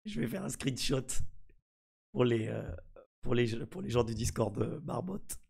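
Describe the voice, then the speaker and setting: A man with a husky, gravelly voice, sick, giving casual live commentary as a mischievous streamer. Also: medium pitch, fairly even intonation, a little slow, a little mellow. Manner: mischievous, trolling his community. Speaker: streamer presenting a crypto NFT project.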